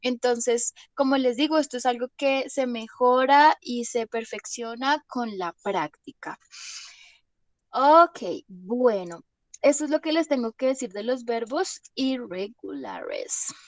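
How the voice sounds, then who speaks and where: A woman teacher leads an online lesson at a slow, patient pace, her voice a bit higher than most. She keeps checking that her students follow along, and the sound is close and dry, with no room echo. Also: very animated. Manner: patient, checks understanding with frequent tag questions. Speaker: English teacher.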